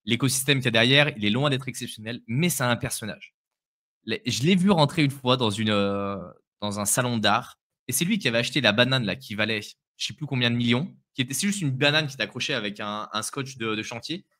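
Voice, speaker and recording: A man's voice: medium pitch, a little fast, sharp tone. A man co-hosting a live crypto stream, giving his opinions in casual chat with frequent restarts and repeated words.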